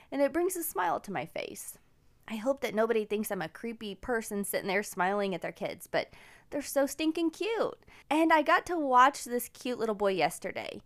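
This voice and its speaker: A woman in her forties, hosting a podcast and telling personal stories in an upbeat, encouraging way. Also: medium pitch. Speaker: podcast host. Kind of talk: casual personal storytelling.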